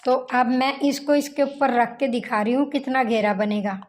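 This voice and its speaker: High-pitched woman doing a slow sewing tutorial, repeats numbers as she cuts. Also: low-quality recording. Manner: slow, repetitive, counting measurements aloud. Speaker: tailoring teacher.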